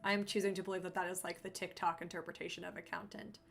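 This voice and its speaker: A young adult woman streams a video game with game music playing underneath, reading its text aloud in casual let's-play commentary. Her fairly low, gravelly voice is fast and flat, chatty and playful with viewers, jumping to loud startled exclamations.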